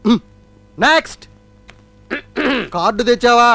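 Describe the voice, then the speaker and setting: A sarcastic, lazy village doctor in a film comedy scene. His voice sits very high and he talks in a mocking, dismissive way. The sound is dry and close, with no room around it. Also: lively intonation, unhurried, pushed and bright, no echo, exaggerated voice. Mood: impatient. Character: lazy sarcastic male small-town doctor.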